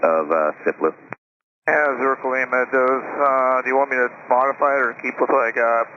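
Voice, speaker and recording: A man's voice: mid-range voice, normal speed, a little hiss or hum. A man talking over an aviation radio link, pilot or controller, giving clipped, matter-of-fact callouts in standard radio phraseology. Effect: aviation radio transmission. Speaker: pilot or air traffic controller. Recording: muffled lo-fi radio capture.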